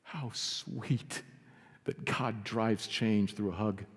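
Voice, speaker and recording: Male pastor, lower pitch, earnest sermon delivery, reverberant church hall. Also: fairly even intonation, slow, slight background noise. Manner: earnest preaching, drops to soft emphasis. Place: church sanctuary.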